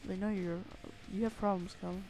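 A man's voice: high voice, fairly even intonation, a little fast, gravelly, over music. A young man co-hosting a gaming video with casual, teasing banter. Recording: slightly noisy home mic with clicks.

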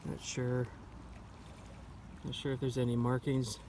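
A man from Canada narrating his metal-detecting finds in a forest, in an unhurried, muttering way, recorded outdoors on a camera mic. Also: mid-range voice, completely flat delivery, darkish tone, slight background noise. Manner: muttering, unhurried, talking to himself. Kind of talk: casual outdoor commentary.

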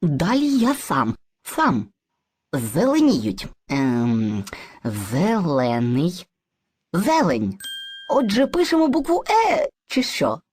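A woman voicing a playful, hesitant male sprite of mixed slang speech in an educational cartoon, with a husky voice and a bouncy, exaggerated delivery. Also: fairly low pitch, sing-song, slow, pauses often, a little mellow, heavily acted. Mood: puzzled.

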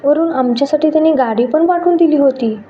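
A woman's voice: high-pitched, a little fast, pitched above the performer's own voice, lightly acted. A woman voicing a cheerful, chatty young woman friend who talks eagerly. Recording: dull lo-fi with faint noise.

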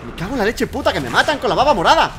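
Excitable Spanish gamer swearing at the game. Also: male voice, high voice, very fast, slight background noise. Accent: Spain Spanish. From Spain. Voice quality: excitable, swearing, sing-song silly outbursts. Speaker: gaming youtuber. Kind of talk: let's play commentary.

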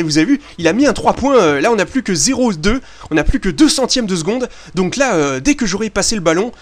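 This gaming video host, a young Frenchman, chats excitedly through casual let's-play commentary on a basketball game. His voice sits high, and he curses casually and fills gaps with hesitations.

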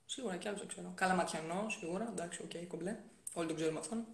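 A woman's voice: fairly low pitch, vocal fry. Young woman streamer on her phone at home, chatty, answers comments, roomy sound. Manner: chatty, reads comments aloud and answers them, with frequent soft-spoken asides. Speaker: live streamer. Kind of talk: casual live-stream chat answering viewer comments.

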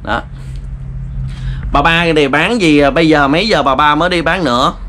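A man with a Southern Vietnamese accent, interviewing politely and gently with many fillers. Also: fairly high pitch, moderate pace, a little hiss or hum. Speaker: vlogger interviewer. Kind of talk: casual interview.

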